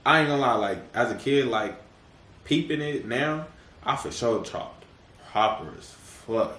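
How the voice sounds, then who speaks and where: A man talks in a relaxed, slang-heavy way as a podcast guest, filling pauses with "like" and laughing easily. His voice sits at an ordinary pitch. The sound is roomy and set back from the mic, with a faint hiss behind. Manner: laid-back slang, many fillers, laughs often. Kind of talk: casual chat. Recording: echoey room, mic at a distance, faint noise.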